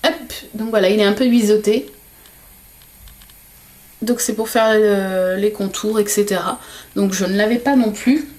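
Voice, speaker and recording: A woman's voice: medium pitch, fairly even intonation, unhurried, long pauses, a little mellow. Chatty woman vlogger full of fillers. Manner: chatty, hesitant, many fillers. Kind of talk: casual gift unboxing vlog.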